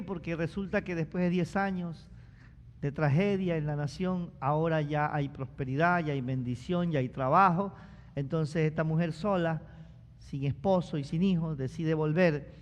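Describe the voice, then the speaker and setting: High-voiced preacher in a reverberant hall. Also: male voice. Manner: preaching with rising shouts and call-and-response prompts. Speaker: pastor. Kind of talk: sermon. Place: church sanctuary.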